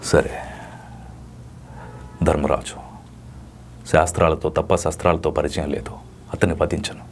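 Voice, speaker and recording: A man's voice: rumbling low, level tone, measured pace, slight background noise, pitched below the performer's own voice. A man voicing a proud warrior prince who reproaches his mother in solemn, theatrical mythological dialogue. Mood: grieving reproachful. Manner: solemn, reproachful dramatic recitation.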